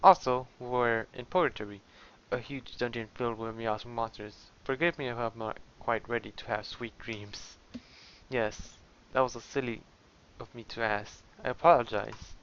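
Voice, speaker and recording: A man voicing a calm, guarded adventurer, reading game dialogue in a quiet, measured way. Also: mid-range voice, smooth, natural voice. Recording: slightly muffled lo-fi sound.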